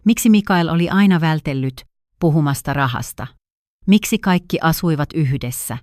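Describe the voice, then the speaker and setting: A woman narrating a first-person family drama story in an even, measured way. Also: deep voice, no echo, clean studio sound.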